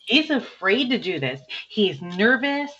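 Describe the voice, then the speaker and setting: A woman's voice: mid-range voice, big pitch swings, measured pace, a bit bright, breathy edge, lo-fi sound. A woman co-hosting a film podcast, chatting casually and animatedly, laughing often as she retells scenes. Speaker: podcast co-host. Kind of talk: casual film review chat.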